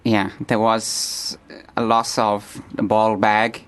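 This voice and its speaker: A man speaking as a comedy guest in a halting, hesitant, deadpan manner. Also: fairly low pitch, slight background noise. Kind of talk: deadpan character comedy interview.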